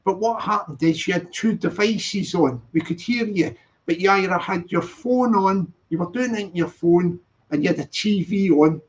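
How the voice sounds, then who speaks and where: A man speaks at a normal speed in a high voice, casually answering comments on his live stream, which he reads aloud. He rambles and keeps repeating himself, and the stream sound is dull and lo-fi.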